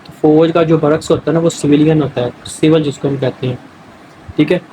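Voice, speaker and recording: Man, grammar lecture, step-by-step explaining, slightly high pitch, air-conditioner hum. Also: steady tone, warm tone, rough recording. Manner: explains step by step, mixing English words into Urdu. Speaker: teacher. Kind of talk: test-prep grammar lecture.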